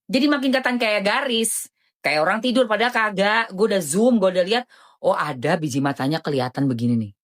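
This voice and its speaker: A woman hosting a casual live stream, chatting animatedly in slang and selling skincare. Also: quick pace. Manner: animated, chatty, jumpy pitch swings, lots of slang.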